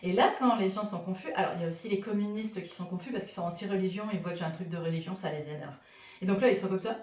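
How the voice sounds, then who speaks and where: A woman's voice: mid-range voice, fast, darkish tone, reverberant, far from the mic. A woman talking to camera about her own T-shirts, casual and wry, with plenty of fillers. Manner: wry, joking, many fillers. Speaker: vlogger showing her T-shirts.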